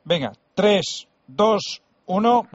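A man from making a prank call on the radio, deadpan and insistent. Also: high voice, drawn-out words, dry recording. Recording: dull lo-fi radio audio.

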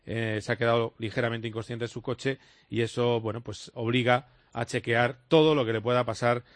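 A man hosting a sports radio show, interviewing a guest with brisk questions and frequent filler sounds. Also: medium pitch, level tone, no room sound.

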